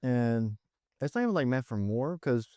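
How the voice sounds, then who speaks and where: A man's voice: medium pitch, moderate pace, dry recording, clean studio sound. A young man co-hosting a podcast who talks candidly and loosely about his own life, with lots of filler words and restarts. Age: young adult. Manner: relaxed and candid, with many likes and restarts. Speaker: podcast co-host and Navy recruit. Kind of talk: casual reflective chat.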